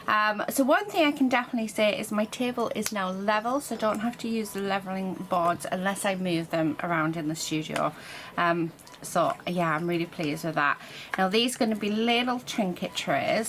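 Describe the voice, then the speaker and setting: Her voice is mid-range and a bit bright, at a moderate pace: a British woman demonstrating a craft in hands-on vlogger style, chatting and thinking aloud. There's clear background noise, including a printer running for part of it.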